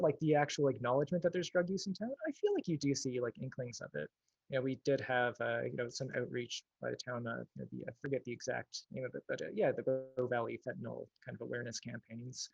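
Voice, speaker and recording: Male activist guest, gravelly and husky, thoughtful and hedging, over a dull, dry video call. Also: mid-range voice, dry recording. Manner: thoughtful, hedging, full of "like" and "you know". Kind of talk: casual livestream interview.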